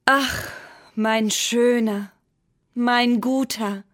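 A woman's voice: mid-range voice, animated, slow, darkish tone. A woman voicing a tender, sorrowful moon. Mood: tender lament. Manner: coaxing, tender, drawn out.

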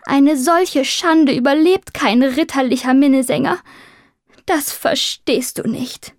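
Woman doing a high, slow, dry-voiced storybook tomcat, theatrical and grandiose, a self-styled tragic minstrel. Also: animated, dry recording. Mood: tragic, pompous. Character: pompous young male tomcat, dramatic would-be minstrel. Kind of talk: audiobook character voice.

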